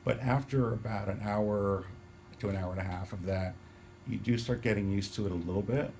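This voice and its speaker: A man talking casually to camera in a halting, explanatory way, sounding weak and dry-mouthed as he recovers from surgery. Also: on the low side, gravelly, darkish tone. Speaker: patient recording a personal video diary. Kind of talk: casual spoken vlog, explanatory. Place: hospital room. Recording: noticeable background room noise.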